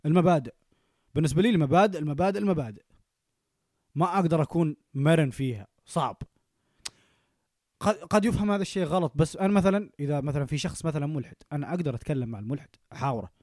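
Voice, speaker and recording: A man's voice: on the high side, no room sound, clean studio sound. A young man, co-hosting a casual podcast chat and often checking in with his listener. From Oman. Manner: animated, rapid, checks in with "okay?" often. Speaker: podcast co-host.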